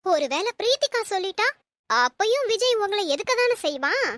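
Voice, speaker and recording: A woman's voice: extremely high pitch, big pitch swings, moderate pace, a bit bright, no room sound, full character voice. A woman playing a loyal, meddling younger sister-in-law in a family drama skit, urging and conspiratorial. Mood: conspiring.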